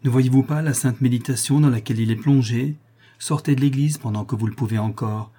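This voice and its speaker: A man's voice: mid-range voice, fairly quick, mellow, breathy edge, close to an everyday voice. Man reading a stern warning monk.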